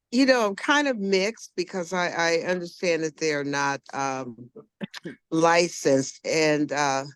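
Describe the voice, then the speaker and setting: A woman's voice: low-pitched, dry recording, studio quality. A woman on a committee video call, speaking hesitantly with stammers and frequent restarts. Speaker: committee member. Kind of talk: community board meeting discussion.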